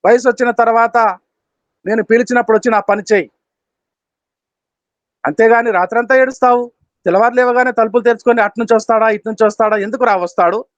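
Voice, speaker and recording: A man's voice: very high-pitched, fairly even intonation, fast, long pauses, no echo. Stern fatherly God, as a preacher puts him on. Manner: scolding, repetitive commands. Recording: dull, dry lo-fi recording.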